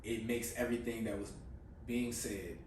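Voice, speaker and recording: A man's voice: on the low side, fairly even intonation, moderate pace, a little mellow, a little hiss or hum. A man co-hosting a podcast, talking in a loose, rambling way and swearing freely. His voice rings around a very echoey room. The mic sits some distance from him, with faint ambience behind. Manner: laid-back, profane, rambling. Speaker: podcast co-host. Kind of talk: casual chat.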